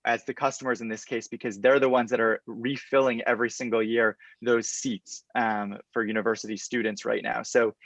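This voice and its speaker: A man's voice: mid-range voice, fairly bright tone, no echo, muffled recording. Confident startup founder, man. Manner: explanatory, orderly, point by point. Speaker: startup founder answering judges' questions. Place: indoors on a video call. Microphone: computer mic on a video call.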